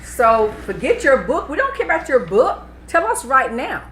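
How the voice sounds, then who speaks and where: A woman's voice: high-pitched, sing-song, moderate pace, a bit bright. A woman co-hosting a podcast in casual chat, fired up and insistent. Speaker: podcast co-host. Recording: roomy echo.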